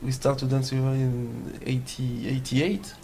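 A man from France with a French accent, a guest dancer telling his story in halting English full of fillers. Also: mid-range voice, level tone, a little mellow, slightly rough. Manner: halting non-native English with many fillers. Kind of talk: casual interview.

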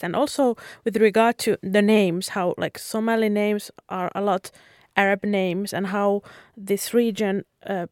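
A woman co-hosting a podcast, asking the guest measured questions. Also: mid-range voice, no room sound, studio quality. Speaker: podcast co-host. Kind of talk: podcast interview.

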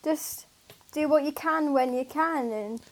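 High-voiced young woman thinking aloud. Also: measured pace. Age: young adult. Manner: light, hesitant, thinking aloud. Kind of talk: casual chat.

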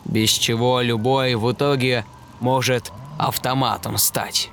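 A man voicing a hungry, menacing male dragon with a slow, growling delivery in a storybook reading. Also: medium pitch, steady tone, fairly bright tone, a little hiss or hum, voice pushed down.

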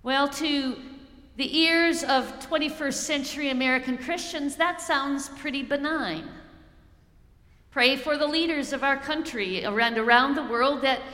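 A middle-aged woman pastor preaching a sermon, measured and slowing down to stress key phrases. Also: sits high, sharp tone. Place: church sanctuary. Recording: echoey church hall.

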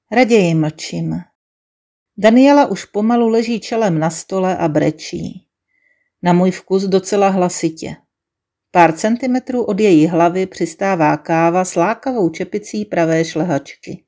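A woman's voice: lowish voice, mellow. Woman reading a wry first-person story. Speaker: narrator.

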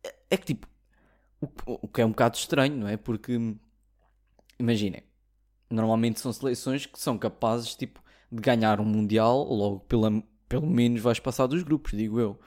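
A young man from Portugal speaks with a European Portuguese accent and a voice of middling pitch. He rants sarcastically in a casual comic monologue and swears freely. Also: moderate pace, a little mellow. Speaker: comedy podcaster.

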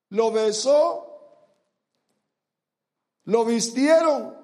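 A man preaching a sermon with emphasis, urging his listeners again and again to look and pay attention, and swinging between loud and hushed delivery. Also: extremely high pitch. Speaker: pastor.

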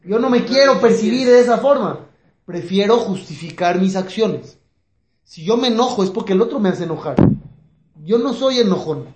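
A man's voice: high-pitched, expressive, moderate pace, a little mellow, slight background noise. A man, a rabbi giving a class who asks his listeners questions and acts out the people in his stories with humor. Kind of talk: Torah class lecture. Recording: echoey room.

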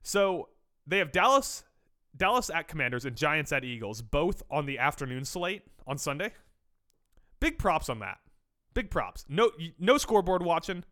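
Man, podcast co-host, wry casual sports talk, bright forceful voice, lively pitch. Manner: wry, quick rundown of games.

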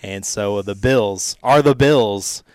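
A man hosting sports radio, talking casually with somewhat halting phrasing. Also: lowish voice, smooth, no room sound.

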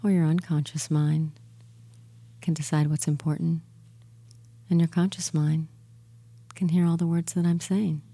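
A woman leads a guided meditation in a low, very mellow voice. She speaks in a soothing, breathy murmur that sometimes thins toward a whisper. Long, gentle pauses separate her phrases. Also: flat delivery. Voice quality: soft, breathy, near whisper at times. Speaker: guided relaxation hypnotist. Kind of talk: guided meditation and hypnosis induction.

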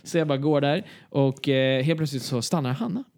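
A young man telling a comic story on a podcast, acting out his own lines in a high voice and laughing often. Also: gravelly, darkish tone. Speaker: podcast co-host.

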